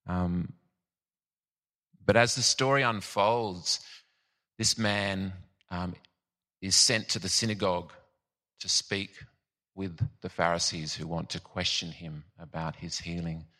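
A man delivers a sermon in a low voice with a bright, forceful edge. He speaks thoughtfully, pausing with ums and restarting phrases as he works through his point. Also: steady tone. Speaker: preacher.

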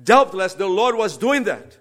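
With a Brazilian Portuguese accent, this Brazilian guest preacher and seminary teacher offers an earnest sermon that alternates gentle asides with emphatic climbs. His voice sits high with lively intonation, and his pace is a little slow.

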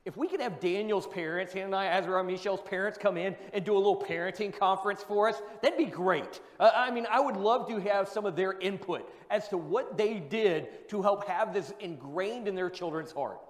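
A man's voice: sits high, fairly quick, few pauses. A male pastor preaching a sermon, asking rhetorical questions and repeating his key points for emphasis. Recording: long reverb of a large hall.

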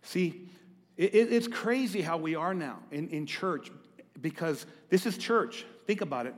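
A man delivers a sermon in a church, his voice pitched high for a man. He stammers over repeated words and keeps putting questions to the congregation. The sound rings with a long hall reverb. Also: expressive, unhurried. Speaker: pastor.

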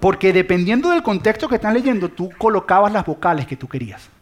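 A man's voice: high-pitched, very animated, fast. A man preaching a sermon, speaking directly to listeners with questions and dropping to a whisper on key words. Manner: mixes English phrases into Spanish.

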